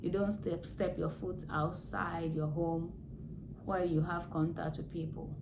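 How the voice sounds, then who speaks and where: Speaking at a measured pace, this low-voiced, hoarse nurse vlogger gives casual health advice about home care. Her explanations are plain, and she returns to the key points by repeating important words. The to-camera recording carries a constant hiss of background noise.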